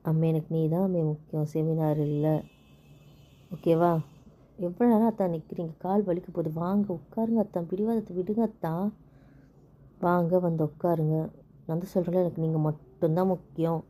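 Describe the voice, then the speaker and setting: A woman's voice: fairly low pitch, fairly even intonation, moderate pace, mellow, close to an everyday voice. A woman playing a young wife who pleads with and coaxes her sulking husband in a family skit, then turns indignant. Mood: pleading.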